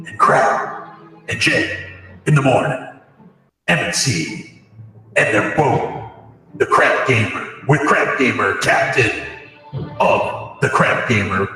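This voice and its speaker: A man speaking through a voice changer, delivering a hammy mock pirate promo in a drawn-out announcer style. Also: mid-range voice, fairly bright tone. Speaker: promo voice for the show. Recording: heavily echoey, long reverb, music behind.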